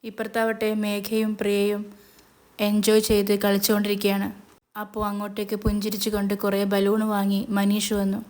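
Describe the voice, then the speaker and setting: A woman narrating a retelling of a TV serial's episode in a steady, even manner. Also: mid-range voice, moderate pace. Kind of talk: storytelling recap.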